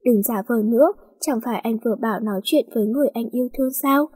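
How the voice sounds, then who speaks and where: A woman's voice: a little high, fast talker, a little mellow, husky, no room sound. A woman voicing a stubborn, jealous young woman who answers in curt retorts. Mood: upset. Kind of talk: storybook reading.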